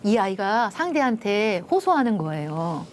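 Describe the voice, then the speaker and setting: On television, a middle-aged lecturer who heads a love institute relates her story in an unhurried, sing-song way, her pitch rising and falling broadly. She performs the quoted dialogue and then drops into soft, hushed tones at the tender parts, over a faint studio hum.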